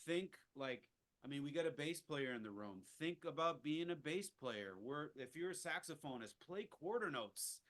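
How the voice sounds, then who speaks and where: A man's voice: on the high side, expressive, moderate pace, fairly bright tone. A man leading a casual jazz improvisation lesson, rambling with lots of restarts and fillers. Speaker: jazz teacher.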